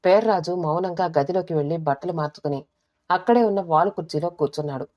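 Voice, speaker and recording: Woman narrator, lowish voice, steady audiobook storytelling with light character voices. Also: fast, lo-fi sound. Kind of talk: scripted narration of a family story.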